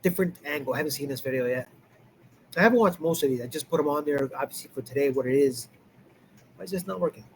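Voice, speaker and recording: A man's voice: on the high side, quick pace, a little hiss or hum. A man hosting a live stream, reacting to clips in a rambling, chuckling way. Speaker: host.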